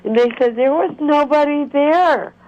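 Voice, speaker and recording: A woman's voice: high-pitched, a little slow, a little mellow. A woman in her late fifties speaks as a radio show caller, earnest and insistent as she tells her story. She takes her time, and the phone audio is dull and muffled.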